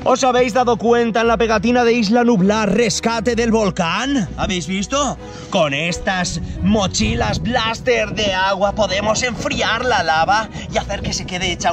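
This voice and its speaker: A man in his forties with an accent from Spain, playfully presenting toys to children outdoors with drawn-out exclamations. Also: high-pitched. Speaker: host dad presenting toys with his kids. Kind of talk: playful toy unboxing and demo for children. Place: outdoors in a park. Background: music.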